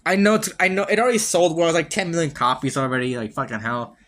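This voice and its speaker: A man's voice: fairly high pitch, quick pace, fairly bright tone. A man hosting a solo podcast, reviewing a game in casual talk, rambling with many restarts, casual swearing and wry laughs. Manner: laughs wryly between points. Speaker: podcast host.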